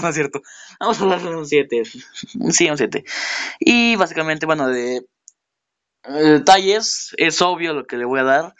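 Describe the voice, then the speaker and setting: A man's voice: fairly high pitch, a bit bright. Chatty rambling man reviewing a toy. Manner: rambling, self-mocking, laughs often.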